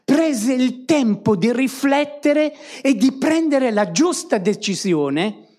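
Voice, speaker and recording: A woman's voice: high-pitched, lively intonation, takes it slowly, mellow. A woman preaching a sermon to a congregation, often tagging on rhetorical questions to draw her listeners in.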